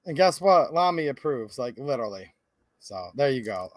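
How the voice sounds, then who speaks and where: With a medium-pitched, sing-song delivery at normal speed and no echo, a man runs a live stream from his home recording studio. He reads viewers' comments aloud and chats with them casually and passionately, speaking to them directly in a folksy style.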